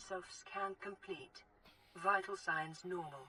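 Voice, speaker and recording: A gentle, caring robot helper in a video game, a calm female suit computer that delivers even, clinical status reports. The voice sits a little low, with clear background noise running under the game audio. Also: slow pace.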